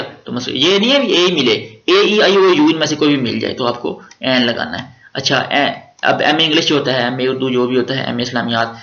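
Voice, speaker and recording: Pakistani tutor, man, gravelly bright voice, repeats and spells words, dull echoey room recording. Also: medium pitch. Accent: Pakistani Urdu. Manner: casual, jokey teaching with slang. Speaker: grammar teacher. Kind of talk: exam-prep grammar lecture.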